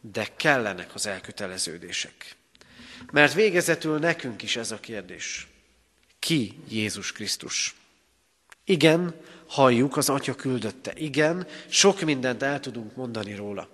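Male pastor, sermon, emphatic rises and pauses, mid-pitched, long church reverb. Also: lively intonation, a bit bright. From Hungary.

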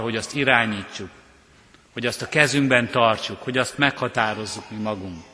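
A male pastor delivering a sermon in a measured, repetitive preaching cadence. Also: mid-range voice, sharp tone, long reverb tail. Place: church.

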